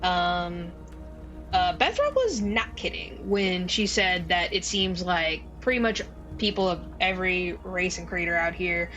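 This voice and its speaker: A woman narrating a tabletop game as game master in a casual, halting, conversational improvised style. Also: lowish voice, animated, fairly bright tone, highs cut off, soft background music.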